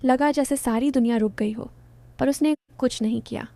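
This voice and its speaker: A young woman narrating an emotional first-person story in a soft, heartfelt, confiding way. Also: on the high side, fairly even intonation, moderate pace, no echo.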